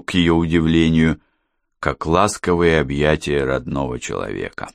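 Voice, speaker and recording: A man narrating an audiobook in a steady, even storytelling voice. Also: sits low, no room sound, clean studio sound.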